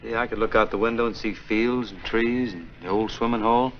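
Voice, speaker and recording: An actor playing a breezy, good-humored young priest from Missouri, joking in a relaxed, teasing way in a 1940s film. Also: male voice, on the low side, fairly quick, close to an everyday voice. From Missouri, United States. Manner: easygoing, jovial, gently teasing. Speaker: parish priest. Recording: muffled, hissy 1940s film soundtrack.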